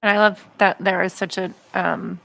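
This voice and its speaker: A woman's voice: mid-range voice, flat delivery, moderate pace, creaky, fairly bright tone. A woman on a school committee, talking in a chatty, appreciative way with many fillers at a meeting. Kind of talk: meeting discussion. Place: meeting room.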